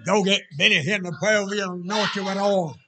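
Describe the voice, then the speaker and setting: Raspy Southern preacher man with a folksy drawl. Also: sits high, steady tone, fast talker, bright, forceful tone. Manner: folksy drawl, talking directly to the congregation. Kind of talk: informal sermon with jokes and shouts of praise.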